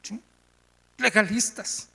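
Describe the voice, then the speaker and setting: A man's voice: high-pitched, slow pace, gravelly, breathy edge. A man with a Mexican accent preaching a sermon, telling stories animatedly and asking the congregation questions. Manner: animated storytelling, asks the congregation. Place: church meeting room. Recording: echoey church hall.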